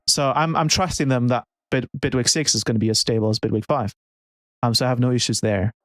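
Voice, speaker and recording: A man's voice: mid-range voice, fairly even intonation, fast talker, a bit bright, no echo. Rambling man on a dry close mic. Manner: rambling, thinks aloud with restarts. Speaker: music producer streaming. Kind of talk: casual live-stream talk.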